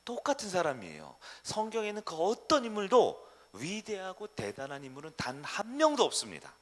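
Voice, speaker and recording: A man preaching a sermon as pastor in a church, asking the congregation questions and swinging between loud emphasis and hushed asides. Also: high voice, huge pitch swings, a little fast. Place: church sanctuary.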